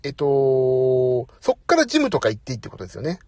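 A man's voice: mid-range voice, huge pitch swings, quick pace, a little mellow, no room sound. A middle-aged man hosting a casual live audio chat, talkative, apologetic and self-deprecating, speaking into a phone. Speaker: host. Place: parked outside, away from home.

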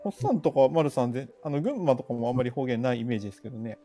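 A man's voice: mid-range voice, racing, dark tone. A man chatting eagerly as a guest on a podcast, laughing often. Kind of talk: casual chat. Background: background music.

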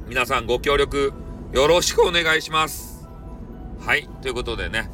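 A man's voice: medium pitch, normal speed, pushed and bright, soft background music. A man with a Hakata dialect hosting a solo podcast, joking around in a playful, mock-formal way. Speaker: podcast host, storyteller. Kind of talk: casual solo podcast talk.

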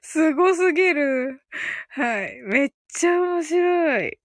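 A woman with a high voice and lively intonation hosts a casual live audio stream, speaking slowly and playfully with listeners. She's giggly, laughs often, and repeats phrases with amusement, all in clean, echo-free studio sound.

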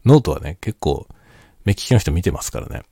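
Quiet, low-pitched man chatting at night. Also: sing-song, fairly quick, slightly rough, no echo, clean studio sound. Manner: quiet, low-voiced late-night talking. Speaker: solo host of a spoken chat. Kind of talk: casual late-night chat.

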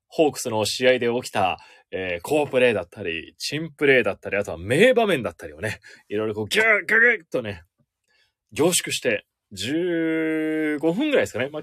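A male announcer hosting a casual radio talk show, chatty and expressive. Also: medium pitch, no echo, studio quality.

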